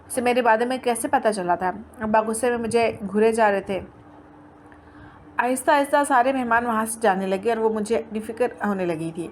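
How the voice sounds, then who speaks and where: A woman reading a first-person story aloud in a plain, steady way, with small restarts. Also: on the high side, a little hiss or hum.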